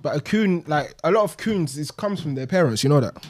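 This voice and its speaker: A man's voice: on the high side, lively intonation, fairly quick. A young man with a London accent, chatting casually with friends in a blunt, opinionated way. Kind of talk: casual chat among friends.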